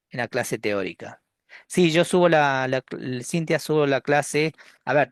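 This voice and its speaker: A man with a Rioplatense Spanish accent lecturing a university class over a video call, relaxed and joking, with many restarts and tag questions. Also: mid-range voice, clear, resonant tone, dry recording, studio quality.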